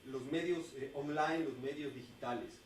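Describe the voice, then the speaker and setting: A man's voice: mid-range voice, normal speed, a crowd in the background. A man from Ecuador asks an earnest, speech-like question from the floor at a forum. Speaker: audience member asking a question. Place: conference hall. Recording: distant mic in an echoey hall with noise.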